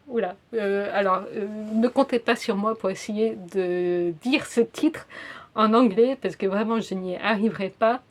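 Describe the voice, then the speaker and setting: A woman's voice: medium pitch, darkish tone. A young woman chatting casually in a book review vlog, with frequent fillers and self-corrections. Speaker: book YouTuber.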